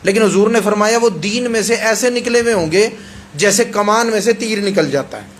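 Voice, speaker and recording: Some faint hiss or hum sits under this high male voice. The man, a preacher with a Pakistani Urdu accent, delivers a forceful hadith sermon, repeating himself and checking that listeners agree.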